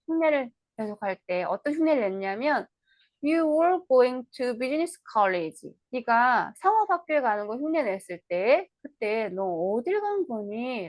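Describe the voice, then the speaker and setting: A woman tutor giving an online lecture on an English play, reading lines slowly and explaining them in Korean, with questions to the viewers. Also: sits high, big pitch swings, dry recording.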